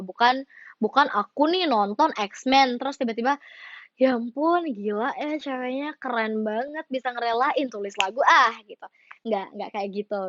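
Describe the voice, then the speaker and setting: A woman's voice: on the high side, no room sound. Chatty young woman, slightly lo-fi. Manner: chatty, giggly, mixes in English phrases. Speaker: singer talking about her song. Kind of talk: casual chat with fans.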